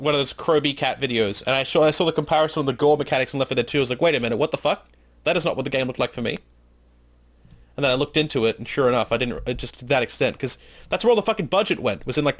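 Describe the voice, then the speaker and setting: A man's voice: mid-range voice, fast talker, fairly bright tone. A man co-hosting a gaming podcast, teasing and swearing his way through casual chat. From Australia. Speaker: podcast co-host.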